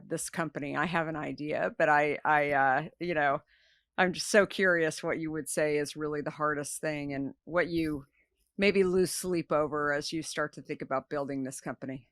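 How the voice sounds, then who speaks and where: A woman with a somewhat low voice hosts an interview show. She asks loose, rambling questions with eager enthusiasm. Her voice is recorded close and dry. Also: fairly bright tone, dry recording. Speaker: podcast host. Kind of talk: interview conversation.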